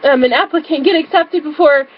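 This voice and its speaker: A woman's voice: high voice, fairly quick, muffled recording, close to an everyday voice. A woman mimicking a gushing phone recruiter. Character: cheerful, warm female phone recruiter.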